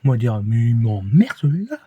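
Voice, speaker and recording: Belgian french guy rambling about beers, lots of ums and restarts, middle pitch, kinda muffled home recording. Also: big pitch swings, moderate pace, mellow, slightly rough. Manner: hesitant, rambling, many fillers and restarts. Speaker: vlogger reviewing beers. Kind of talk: casual rambling review.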